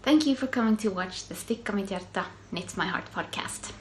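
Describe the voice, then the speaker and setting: A middle-aged Finland-Swedish woman, a native Swedish speaker with that accent, hosts a casual solo knitting video podcast at a brisk pace in a medium-pitched voice. She's chatty, interrupts herself, laughs softly and says "um" a lot, with slight background noise.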